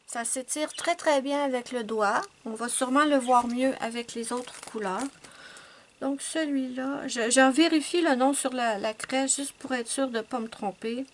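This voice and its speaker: At home with her cat close by, a woman who hosts an art channel tests art supplies and muses aloud to her viewers, full of fillers. She speaks in a slightly high voice at a slightly slow pace, and the recording has a faint hiss or hum.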